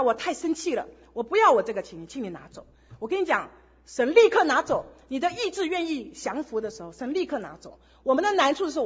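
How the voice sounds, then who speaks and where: Woman church speaker, fairly high husky voice, earnest storytelling sermon, dull lo-fi recording. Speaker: church speaker sharing testimony. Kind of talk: sermon testimony.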